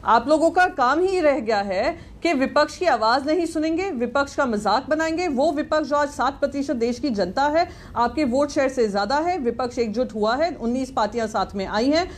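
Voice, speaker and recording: A woman speaking as a party spokesperson in a heated TV debate, sharp and sarcastic as she rebukes an opponent. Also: high-pitched, lively intonation, moderate pace, few pauses.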